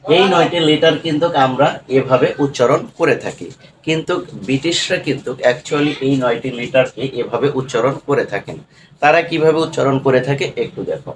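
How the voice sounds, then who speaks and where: A man's voice: medium pitch, slight background noise, rough recording. A man with a Bangladeshi accent teaching an online lesson, explaining patiently with fillers and repeated checks. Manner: explains slowly with repeated fillers and tag questions.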